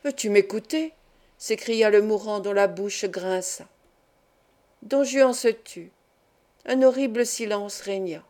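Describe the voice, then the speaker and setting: A woman narrating a classic literary tale as an audiobook reader, in a measured, expressive reading. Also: medium pitch.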